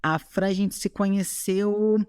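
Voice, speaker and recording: A woman's voice: mid-range voice, fairly even intonation, a little slow, a little mellow, clean tone, no echo. A woman from Chile with a Brazilian Portuguese accent, a podcast guest talking earnestly in casual chat. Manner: earnest, tags remarks with "sabe?". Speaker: guest, bodybuilding athlete.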